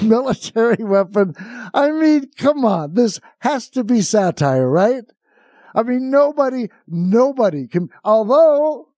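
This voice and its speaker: A talk radio host with a high, mellow voice launches into an off-the-cuff comic rant, exasperated and incredulous, rambling through asides and rhetorical questions. The sound is clean studio audio with no echo.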